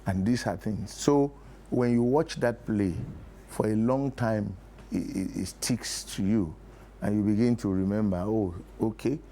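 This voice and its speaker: On a TV studio talk show, a middle-aged or older Nigerian play producer explains his points, repeating key phrases for emphasis. His voice is fairly low, unhurried and warm, and the recording is clear of background noise.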